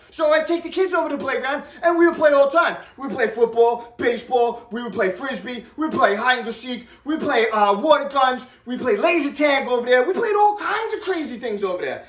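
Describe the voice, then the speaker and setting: A man telling personal stories to viewers in an animated, exaggerated way, with sound effects. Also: extremely high pitch. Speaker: storyteller vlogger. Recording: roomy, distant mic.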